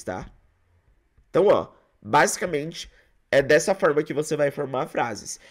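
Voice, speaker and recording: Animated Brazilian English teacher. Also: male voice, on the high side. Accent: Brazilian Portuguese. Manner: lively, addresses viewers directly, models English phrases slowly. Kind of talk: online English lesson. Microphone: close microphone.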